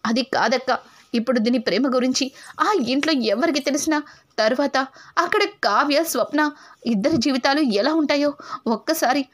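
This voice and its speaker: A woman's voice: high voice, normal speed. A woman voicing a worried, tearful middle-aged mother who pleads with her daughter.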